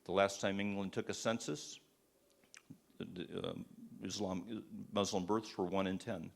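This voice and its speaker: A man with a lowish voice preaches to a gathered audience with fervent conviction. He drives his points home with rhetorical questions and stumbles through frequent restarts as he presses on. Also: steady tone, measured pace, vocal fry. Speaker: speaker at a church event. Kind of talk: impassioned sermon-style presentation. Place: live talk before an audience.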